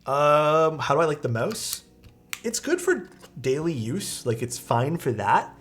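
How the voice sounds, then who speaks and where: This time the young keyboard-building streamer sounds high-ish and fairly bright, with big pitch swings and a slightly slow delivery, as faint music plays behind him. He rambles easygoingly to chat from a small rented room over a streaming mic.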